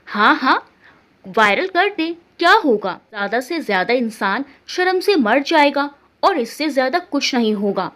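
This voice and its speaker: Brief: a defiant, fiery young woman in a spoken story, read by a woman with a fairly high voice. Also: big pitch swings, unhurried, exaggerated voice. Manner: shouting, defiant.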